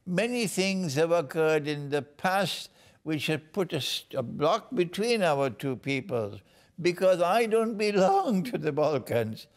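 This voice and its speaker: Slow, emphatic man from Trinidad. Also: fairly high pitch, big pitch swings. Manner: emphatic, preacher-like repetition. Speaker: guest speaker. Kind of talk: slow, deliberate interview answers.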